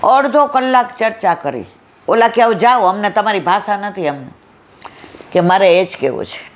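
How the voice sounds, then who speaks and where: Animated woman preaching a satsang sermon. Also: medium pitch, moderate pace. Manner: animated storytelling, rhetorical questions, acts out dialogue. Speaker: satsang speaker. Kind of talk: devotional sermon with storytelling.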